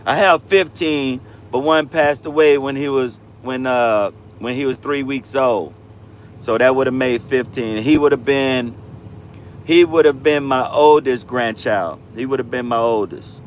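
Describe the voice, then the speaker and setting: A man's voice: medium pitch, a little slow, a little hiss or hum. Laid-back man in his fifties, slangy. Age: 50s. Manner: laid-back slang-heavy talk, calls viewers bro and fam. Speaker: livestream host, truck driver. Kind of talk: casual livestream chat reading viewer comments.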